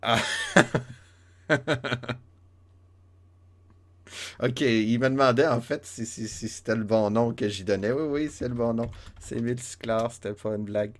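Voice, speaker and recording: A let's play host offers playful, joking commentary as he plays a game, with many fillers and restarts. He talks at medium pitch and a measured pace, leaving long pauses.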